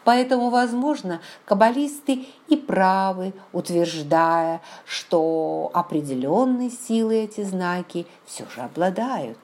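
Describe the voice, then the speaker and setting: A woman narrating a novel in the first person, with a measured, expressive reading. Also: medium pitch. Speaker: audiobook narrator. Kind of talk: scripted literary narration.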